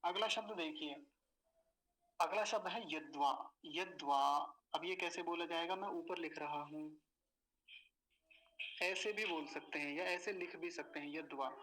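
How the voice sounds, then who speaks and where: A patient man teaching pronunciation, repeating each word slowly syllable by syllable. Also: on the high side, sharp tone, poor audio. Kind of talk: slow pronunciation lesson.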